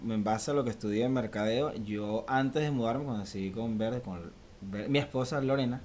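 A man's voice: medium pitch, normal speed, a little mellow. Young Venezuelan man, guest on a chat podcast, easygoing and chatty, laughs between bites of hot wings, faint noise behind. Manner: chatty, laughs while eating spicy wings. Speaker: guest photographer. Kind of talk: casual interview chat.

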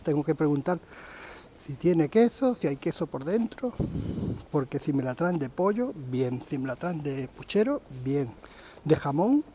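Podcast guy teasing his cohost, kinda high voice, bit of faint noise behind. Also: darkish tone. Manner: teasing, emphatic. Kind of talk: casual podcast chat.

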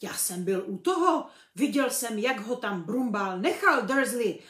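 A woman reading a children's book aloud, voicing a huge, blunt male gamekeeper in loud, folksy speech. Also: fairly high pitch, lively intonation, reverberant, pitched above the performer's own voice. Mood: furious.

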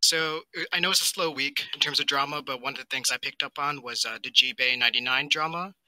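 A man's voice: medium pitch, fast talker, sharp tone, no echo, rough recording. A man calling in over the phone as a first-time caller, earnestly laying out background before asking his question. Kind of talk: casual call-in question.

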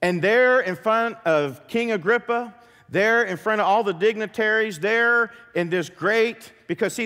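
A pastor preaching a sermon to his church, lively and full of questions to the congregation. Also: high-pitched, long reverb tail. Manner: animated, asks the congregation many questions. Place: church sanctuary.

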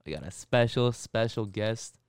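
A man's voice: fairly low pitch, lively intonation, moderate pace, smooth, no echo, studio quality. A man in his twenties hosting a podcast, bantering in laid-back slang. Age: 20s. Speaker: podcast host. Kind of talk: casual chat.

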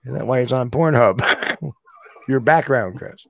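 A man hosting a show in casual, joking chat, with a halting, teasing way of talking. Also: medium pitch, gravelly. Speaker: show host.

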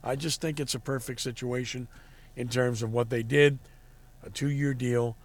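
A man's voice: mid-range voice, steady tone, normal speed. A man hosting a sports talk radio show, giving commentary.

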